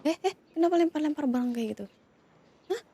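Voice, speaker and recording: A woman in a whispered role-play, calmly scolding and soothing two siblings who have been fighting. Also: sits high, fast. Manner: scolding yet soothing, questioning. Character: woman calming partner and his younger sibling fighting. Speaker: ASMR roleplay creator.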